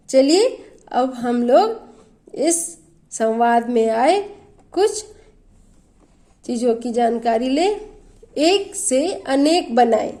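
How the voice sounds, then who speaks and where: A woman teacher walks young pupils through a grammar lesson, pausing to ask them questions. Her voice sits high and she takes her time, with a soft, mellow tone. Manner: slow, patient explaining with questions to children.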